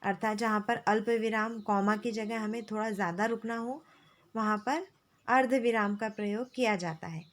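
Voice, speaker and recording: A woman teacher explaining grammar to schoolchildren, slow and patient, repeating key phrases. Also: fairly high pitch, steady tone. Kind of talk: classroom lesson explaining grammar.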